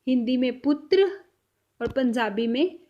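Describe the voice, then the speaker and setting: Slow, high-voiced woman teaching words. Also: muffled recording. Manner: repeats each word slowly and carefully. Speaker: language teacher. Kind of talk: slow vocabulary lesson.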